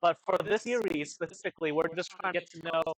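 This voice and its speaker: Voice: mid-range voice, quick pace, rough recording. A host of a basketball league livestream, chatting casually in the commentary booth and explaining the plan with small restarts.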